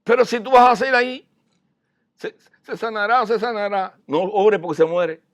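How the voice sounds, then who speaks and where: A male preacher delivering a language sermon, moving from low, quiet passages to loud, high-pitched exhortation. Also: fairly even intonation, moderate pace.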